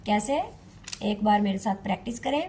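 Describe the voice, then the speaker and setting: A woman teaching Quran recitation to beginners, patiently repeating and stretching each syllable in a slow step-by-step lesson. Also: mid-range voice, dark tone.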